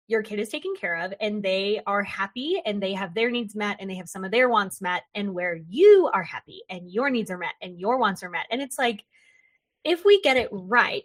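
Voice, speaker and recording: A young woman hosting a podcast, chatty and animated, drifting into tangents and acting out quick voices. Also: mid-range voice. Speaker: podcast host. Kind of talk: casual podcast conversation.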